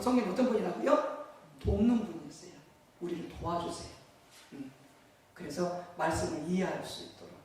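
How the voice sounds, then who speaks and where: A male pastor preaches in a question-and-answer way, putting questions to the congregation and answering them himself. His voice sits high for a man, and it rings through a very echoey church hall, picked up by a mic well away from him, with a faint room hum behind. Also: darkish tone, far from the mic. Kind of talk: sermon.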